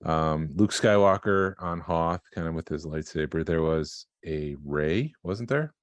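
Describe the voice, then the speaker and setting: A man's voice: sits low, unhurried, smooth, no echo. A man co-hosting a collecting podcast in casual chat, explaining things in a matter-of-fact way. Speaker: podcast co-host.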